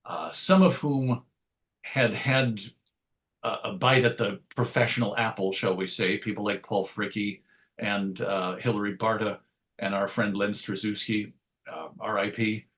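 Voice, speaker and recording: An interview guest who writes comics and hosts radio tells stories in a reflective, wordy manner, circling back to correct himself and slipping in wry asides. His voice is on the low side, steady, unhurried and a bit bright.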